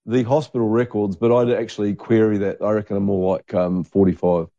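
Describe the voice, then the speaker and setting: Rambling older man, dark voice. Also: lowish voice, little pitch movement, no echo, dull audio. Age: 60s. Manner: rambling, halting, searching for names. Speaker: podcast co-host. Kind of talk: casual chat.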